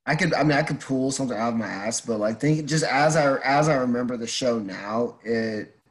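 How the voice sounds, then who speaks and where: Podcast guest guy, average pitch, informal and kinda halting, thinks out loud. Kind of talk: casual chat.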